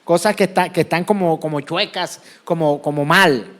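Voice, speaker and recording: A man with a Colombian Caribbean Spanish accent preaches a sermon as a pastor, posing questions to the congregation and answering them himself. His voice is fairly high and a bit bright, at a moderate pace.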